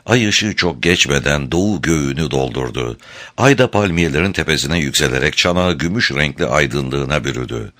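A man narrating a novel aloud in a measured, expressive storytelling manner. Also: rumbling low. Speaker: audiobook narrator. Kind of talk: scripted narration.

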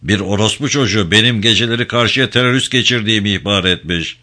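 A man doing a gruff, cynical river ferryman. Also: on the low side, fast, pushed and bright. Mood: blunt. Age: 40s. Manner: blunt, gruff. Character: gruff forty-year-old river ferryman, cynical and blunt.

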